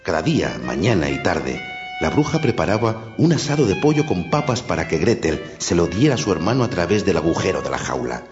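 A man narrating a children's fairy tale in a steady, expressive reading. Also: low voice, fairly quick, over music. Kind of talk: storybook narration. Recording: dull lo-fi, loud background noise.

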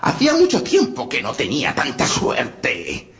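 A man's voice: medium pitch, huge pitch swings, unhurried, pitched above the performer's own voice. A man voicing a cruel, greedy old witch in a storybook, cackling and scolding in a raised, strained voice. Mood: gloating. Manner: cackling, scolding, nearly shrieking at times. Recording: dull lo-fi, loud background noise.

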